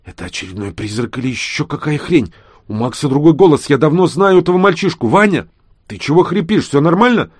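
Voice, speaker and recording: A blunt, agitated officer in his middle years speaks up loudly and heatedly, as a male audiobook reader voices him. The voice is raised well above the reader's low register. It is recorded close and dry. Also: animated, fairly quick, slightly rough, no room sound. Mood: tense.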